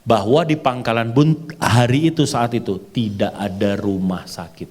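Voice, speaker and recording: A male pastor delivering a lively sermon, acting out the voices in his story and laughing as he goes. His pitch sits in a middle range, and his speech has a casual touch. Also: normal speed. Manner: animated storyteller, acts out dialogue, laughs often. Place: outdoor church service.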